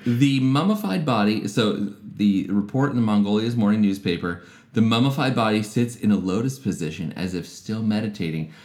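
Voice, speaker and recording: A man's voice: fairly low pitch, a little mellow. Joking man co-hosting in an echoey room. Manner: joking, sarcastic, laughs often. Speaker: podcast co-host. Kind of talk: casual comedic chat.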